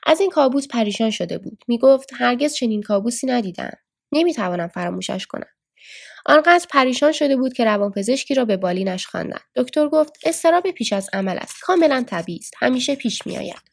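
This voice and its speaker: A woman narrating a book as a steady, scripted audiobook reading. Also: mid-range voice, creaky, no room sound, studio quality. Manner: steady storytelling.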